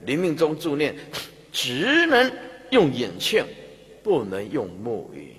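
A man with a husky voice, giving a sermon as a Buddhist dharma teacher and acting out scenes as he goes. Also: a little high, takes it slowly. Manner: animated storytelling, acts out scenes, laughs. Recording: long hall reverb.

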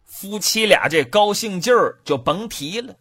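A man telling a folk tale in an animated, rhythmic oral storytelling style. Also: sits high, measured pace, husky.

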